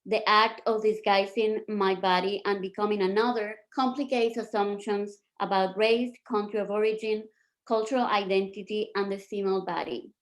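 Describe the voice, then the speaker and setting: A woman from Cuba presenting her performance art on a video call, speaking in a measured, reflective way with pauses. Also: mid-range voice, steady tone. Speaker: performance artist.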